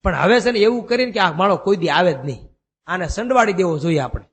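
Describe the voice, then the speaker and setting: A man preaching a devotional sermon, chanting verses slowly and telling stories in a folksy way. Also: high voice, lively intonation, breathy edge. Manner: chants verses slowly, then explains in a folksy storytelling manner. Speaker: swami preacher. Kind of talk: Gujarati devotional sermon with storytelling. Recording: long hall reverb.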